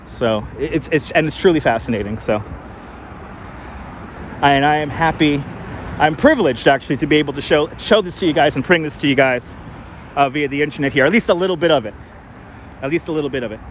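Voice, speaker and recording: Here a mildly accented New York City man hosts a walking live stream on city streets, his high-leaning voice fairly quick yet punctuated by frequent pauses. He talks to viewers chattily, thinking aloud through fillers and restarts, with faint traffic picked up by his wireless clip-on mic.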